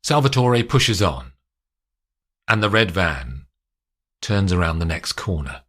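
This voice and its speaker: A male narrator reading a spy audiobook in a steady, descriptive way. His voice is low, yet his pitch moves expressively from line to line. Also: takes it slowly.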